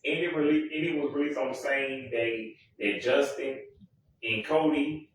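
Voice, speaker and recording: A man's voice: mid-range voice, fairly even intonation, measured pace, a little hiss or hum. Rambling man in an echoey room. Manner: rambling, self-correcting, many fillers. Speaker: music vlogger. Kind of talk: rambling casual monologue. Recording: echoey room, mic far off.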